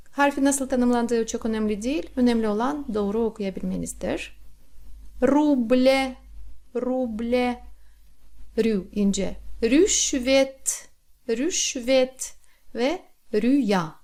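A woman teaching a pronunciation lesson, saying each word slowly and repeating it for the learner. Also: fairly high pitch, gravelly, darkish tone. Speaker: Russian language teacher.

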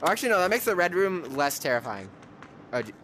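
A young man giving casual commentary while playing a game with a friend, jumpy, swinging from hushed mutters to shrieking laughter. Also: on the high side, very animated, fast, a little hiss or hum.

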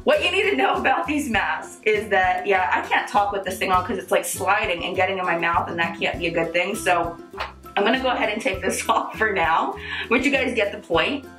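A woman's voice: mid-range voice, brisk, a bit bright. A woman chatting casually in a beauty review while wearing a sheet face mask over her mouth. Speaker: beauty vlogger. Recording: echoey room with faint music.

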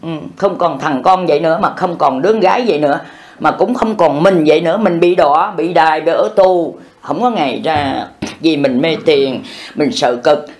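A man's voice: a little high, moderate pace. An older man giving an improvised Buddhist dharma talk, folksy and scolding, acting out bits of everyday dialogue. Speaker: Buddhist monk teacher.

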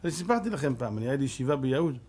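A middle-aged man, a rabbi, giving a Torah lesson as an animated storyteller who acts out voices. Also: mid-range voice, slightly rough.

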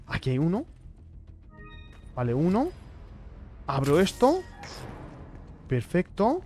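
A man's voice: sits high, huge pitch swings, takes it slowly, a little mellow, faint music behind. A young man giving nervous, chatty gameplay commentary, talking to his viewers and repeating himself when scared. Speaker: gaming streamer. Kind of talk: casual horror gameplay commentary.

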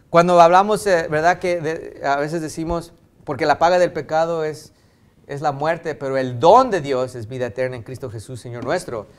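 A man's voice: a little high, clean tone. A middle-aged male pastor preaching a sermon, emphatic and repetitive, slipping into conversational family stories. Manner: retells family anecdotes in conversational tone.

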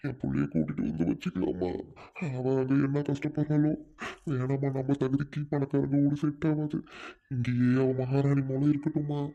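A man's voice: medium pitch, moderate pace, dark tone, dull audio, close to an everyday voice. A man playing a grieving, widowed old father who laments his lost daughter, in an amateur family drama. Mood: mournful. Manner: lamenting, mournful complaint.

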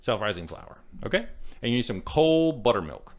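A middle-aged man co-hosts a casual podcast, talking through a biscuit recipe while joking, rambling and apologizing a lot. His medium-pitched voice swings widely in pitch at a moderate pace.

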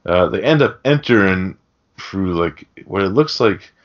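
A podcast host with a low voice recaps a film casually, a bit slowly and expressively, in slangy talk full of swearing. The recording sounds a little dull and lo-fi.

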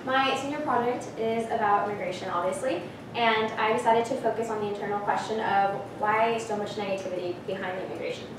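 In a classroom with a projector screen, a far-off camera records a young woman from Peru, in her late teens, presenting earnestly while frequently saying um and restarting sentences. Her medium-pitched voice runs a little fast, with heavy reverb and a noisy background.

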